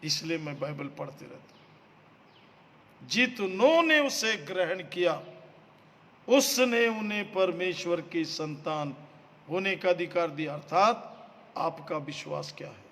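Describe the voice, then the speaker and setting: A man's voice: sits high, lively intonation, slow pace, pauses often, fairly bright tone, in a large hall. A man preaching a sermon, emphatic, repeating phrases and calling his listeners beloved.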